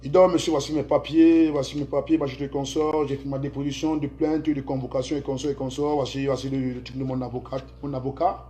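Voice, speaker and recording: A man from Cameroon with a Cameroonian French accent, chatting on a livestream in a mocking, animated way and repeating his phrases. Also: medium pitch, fast, hardly any pauses. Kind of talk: mocking livestream chat with sung taunts.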